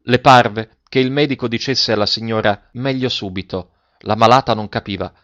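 A man narrating a story in a measured, dramatic reading style. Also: lowish voice, fairly even intonation, a bit bright, no room sound, highs cut off.

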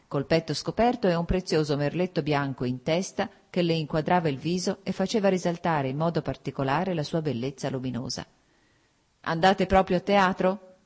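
A woman reads a literary audiobook in a measured, expressive way. Her voice is low for a woman and softly husky. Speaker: audiobook narrator.

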